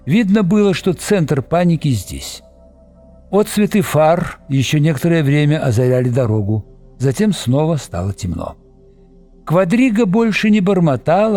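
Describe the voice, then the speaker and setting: A man narrating a novel as an audiobook with expressive storytelling. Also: a little high.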